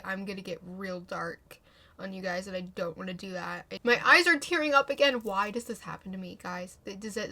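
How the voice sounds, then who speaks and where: A woman's voice: medium pitch, vocal fry, a bit bright. A young woman in her twenties with a stuffy nose from a cold, ranting frankly to her camera in a casual vlog, rambling and mocking herself. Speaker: vlogger.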